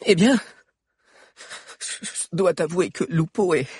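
A man's voice: on the high side, slow pace, a little mellow, husky, dry recording, studio quality, voice pushed up, exaggerated voice. A man reading an audiobook and voicing a defiant, stubborn teenage boy who stammers under pressure. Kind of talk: audiobook character voice.

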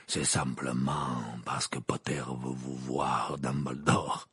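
A man voicing a grim, curt old male auror who speaks slowly and growls. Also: a bass voice, little pitch movement, a bit bright, breathy edge, voice pushed down, full character voice. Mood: gruff. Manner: slow growling delivery.

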